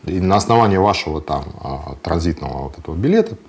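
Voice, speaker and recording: A man with a fairly low voice that rises and falls a great deal. He explains things step by step in a matter-of-fact way, often pausing on hesitation sounds. He speaks as a guest in a conversational interview. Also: big pitch swings, creaky. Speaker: guest sharing travel experience.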